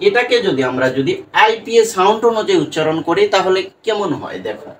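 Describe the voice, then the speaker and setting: A man's voice: high voice, lively intonation, a little fast. Man teaching, asking and answering himself. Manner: asks questions and answers them himself, repeats "right?" and "dekho". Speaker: English pronunciation teacher. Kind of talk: classroom-style lesson addressing students. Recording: faint background noise, a bit distant from the mic.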